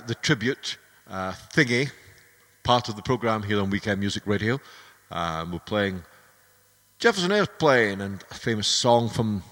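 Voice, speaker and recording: Low-voiced man presenting on reverberant radio. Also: fairly bright tone. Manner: rambling, informal, hesitant. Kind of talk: casual music radio presenting. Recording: shortwave radio broadcast, long reverberant tail.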